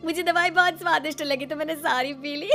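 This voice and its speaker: A cartoon mother-in-law giggles helplessly through every line. Her voice sits very high and her words come slowly. Soft music plays behind her. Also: creaky, full character voice. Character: giggling mother-in-law who cannot stop laughing.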